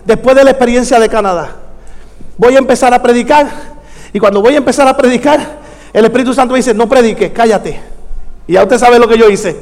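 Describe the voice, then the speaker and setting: A Puerto Rican man preaching a storytelling sermon in Spanish with a Puerto Rican accent, dramatically acting out dialogue and bursting into shouts. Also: very high-pitched, fast. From Puerto Rico. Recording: long hall reverb.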